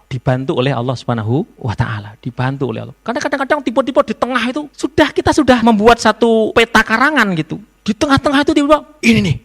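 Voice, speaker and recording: A man gives a university lecture to students in a lively storytelling way, slipping into phrases. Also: high voice. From Indonesia. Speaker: novelist giving a guest lecture. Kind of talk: public lecture.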